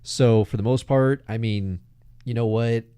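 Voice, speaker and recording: A man's voice: mid-range voice, steady tone, unhurried, dark tone, clear, resonant tone. A man co-hosting a casual movie podcast, mostly chiming in with agreement and dry teasing. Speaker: podcast co-host. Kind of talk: casual movie review chat.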